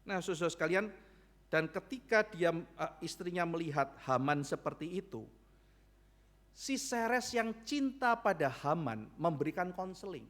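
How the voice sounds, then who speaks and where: Throwing rhetorical questions at his congregation, a male pastor delivers a church sermon and voices biblical characters in rapid back-and-forth. He speaks in a fairly high, sing-song, somewhat bright voice.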